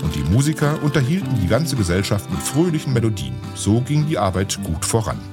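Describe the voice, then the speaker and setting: A man reading a storybook aloud in an expressive way. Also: lowish voice, fairly quick, over music. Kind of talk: storybook narration.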